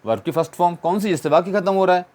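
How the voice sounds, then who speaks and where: A man with a high, slightly mellow voice races through an English grammar lesson. It's a classroom-style explanation in which he asks and answers his own questions and keeps repeating the essentials.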